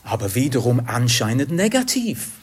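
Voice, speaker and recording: A man's voice: mid-range voice, big pitch swings, breathy edge. A man preaching a sermon in an earnest way, sometimes hunting for the right word. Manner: slow, earnest, searching for words at times.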